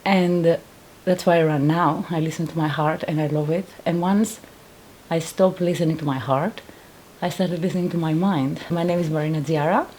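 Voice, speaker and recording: On a low-quality recording with some hiss or hum, a Greek woman in her thirties, a painter, sincerely testifies about surviving, frequently restarting as she gropes for words in accented English. Her voice is low and a little mellow, fairly even in intonation, at a normal pace.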